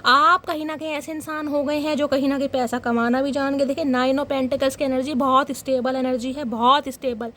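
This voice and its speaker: A young woman reading tarot cards for her viewers. She talks in a dramatic, animated way and keeps calling them guys. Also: high-pitched, normal speed, few pauses, slight background noise. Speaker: tarot reader.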